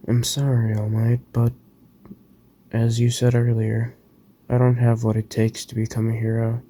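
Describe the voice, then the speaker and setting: A man reading the lines of a dejected teenage boy who turns down a hero's offer, in a quiet, resigned way. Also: mid-range voice, completely flat delivery, a little slow, voice pushed up, close to an everyday voice.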